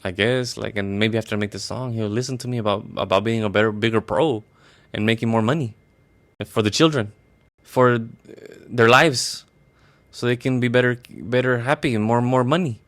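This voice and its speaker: A man's voice: medium pitch, moderate pace, fairly bright tone, natural voice. A man voicing a clumsy, hopeful male friar wrestler who talks in a whiny, rambling, profane way. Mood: halting.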